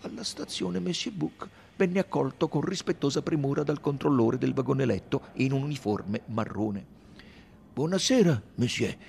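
A man narrating an audiobook with expressive, sweeping intonation. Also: mid-range voice, moderate pace, vocal fry, hardly any pauses, slight background noise. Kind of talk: scripted narration.

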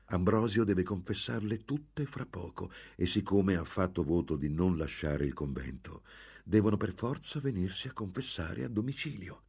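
A man's voice: deep voice, lively intonation, normal speed, creaky, a little mellow, slightly rough, exaggerated voice. A man voicing a sly, cool-headed nobleman who talks in a wry, conspiratorial way.

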